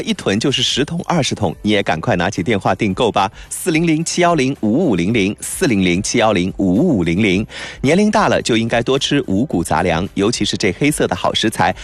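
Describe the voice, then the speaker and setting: A man delivering a direct-response sales advertisement as a shopping pitchman, emphatic, persuasive and urging.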